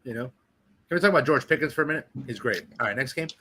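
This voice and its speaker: A quick-talking man with a bright, punchy voice banters about sports like a frat bro. He ribs his co-hosts in loose, profane slang. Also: medium pitch, expressive, a little hiss or hum. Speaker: podcast co-host.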